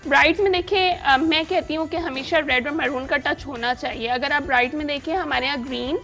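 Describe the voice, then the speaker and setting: A woman's voice: sits high, a little fast, fairly bright tone, soft background music. A woman with a Pakistani Urdu accent, a studio guest who works as a stylist, talking earnestly about advising clients. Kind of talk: studio chat.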